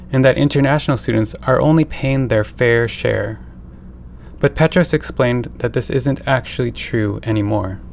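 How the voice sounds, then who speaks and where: A man reporting and narrating a scripted news feature in a measured, even reading. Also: medium pitch, vocal fry, slight background noise. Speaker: radio reporter.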